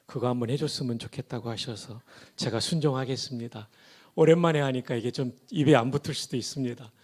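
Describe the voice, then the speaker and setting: A pastor from Daejeon giving a sermon, with quiet, self-deprecating asides. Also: male voice, medium pitch, fast talker, breathy edge. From Daejeon, South Korea. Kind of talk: humorous sermon.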